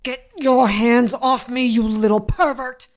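A woman's voice: fairly high pitch, fairly even intonation, measured pace, natural voice. A woman voicing a defiant young witch held captive, who answers her captors with sarcasm and curses. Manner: defiant, sarcastic, foul-mouthed.

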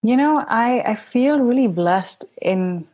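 A woman from India, a healing facilitator appearing as a podcast guest, talks in a casual, reflective and unhurried way, saying "like" a lot and laughing easily. Her voice is fairly high, animated and a little mellow.

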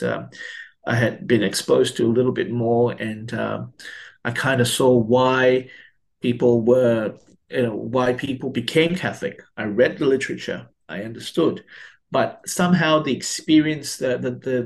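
A man's voice: mid-range voice, creaky. A man in his thirties from Malaysia, a priest, telling his life story in an interview with many fillers and restarts.

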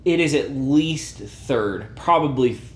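A man's voice: medium pitch, slow pace, echoey room. A man co-hosting a casual podcast chat, ranting and acting out reactions. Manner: animated, acts out reactions. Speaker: podcast co-host.

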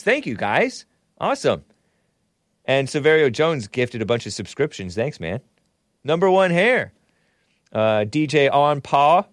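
Male live stream host, mid-pitched, informal and rambling, reads and answers chat, very dry recording. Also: dry recording. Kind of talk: casual live stream monologue, reading and answering viewer messages.

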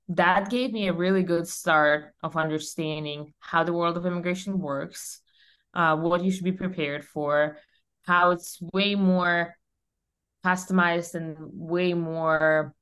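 A woman's voice: sits low, fairly bright tone, clean tone. A young woman from Russia, a podcast guest, talking energetically and emphatically with frequent fillers in a conversational interview. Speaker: podcast guest, company founder.

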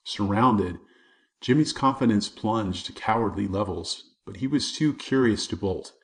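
A man's voice: lowish voice, a little slow. A man narrating a children's chapter book in a vivid storytelling manner. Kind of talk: audiobook narration.

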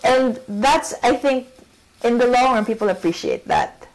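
A woman's voice: fairly high pitch, a little slow, a little mellow, poor audio. A woman from the Philippines, talking in casual conversation with some Tagalog words mixed in. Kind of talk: casual chat.

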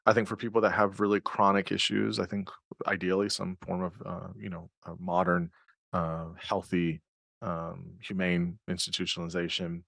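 A man's voice: low-pitched, flat delivery, normal speed, creaky, a bit bright, no echo, studio quality. A man hosting a podcast interview, thinking aloud with many fillers and restarts. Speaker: podcast host. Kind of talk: conversational interview.

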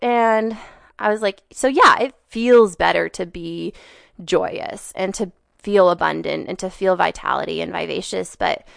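A woman in her twenties, a podcast guest in casual chat, animated and full of "like", swearing offhandedly. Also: lowish voice, unhurried, gravelly, no echo, clean studio sound. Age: 20s.

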